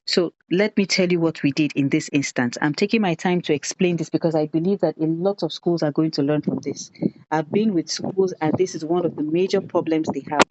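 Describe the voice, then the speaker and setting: A woman leading a teacher training on a video call, telling classroom stories in an animated way and repeating phrases for emphasis. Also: deep voice, fairly quick, slight background noise. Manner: animated storytelling, acts out children's voices, repeats phrases for emphasis. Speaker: education consultant leading an online teacher training. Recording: dull, dry video-call audio.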